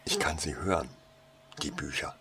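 A man's voice: rumbling low, normal speed, sharp tone, a little hiss or hum, heavily acted. Tarsoin, a man doing a shy ironic schoolboy. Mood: hesitant. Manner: hesitant, ironic. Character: shy, guarded teenage schoolboy, dryly ironic.

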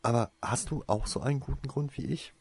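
A man's voice: medium pitch, fairly quick, breathy edge, voice pushed up. A man voicing a curious, insistent young witch girl in a fantasy storybook, talking in a pushy, scolding way.

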